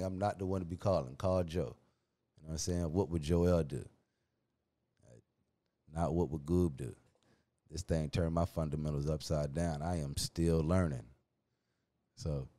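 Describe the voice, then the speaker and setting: A man hosting a podcast, talking casually and heatedly in slang, his pitch jumping when he gets worked up. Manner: animated, slangy, calls listener "dog"; restless pitch, rises sharply when worked up. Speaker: podcast host. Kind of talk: casual opinion talk.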